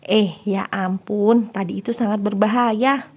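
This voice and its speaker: A woman's voice: mid-range voice, steady tone, measured pace, slightly rough. A woman voicing a chatty young woman. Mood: startled. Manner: talkative, questioning.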